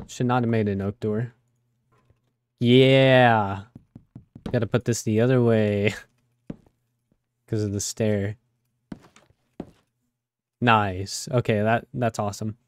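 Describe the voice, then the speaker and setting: A man with a raspy, tiring voice giving casual, chatty commentary while playing a game, with quick surprised exclamations. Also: medium pitch, darkish tone. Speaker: gaming channel host. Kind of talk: casual Let's Play commentary.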